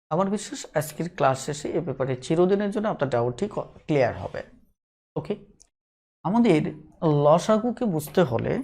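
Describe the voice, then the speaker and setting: A woman's voice: low-pitched, mellow. A woman teaching a math lesson online, patiently repeating key points and putting questions to her viewers.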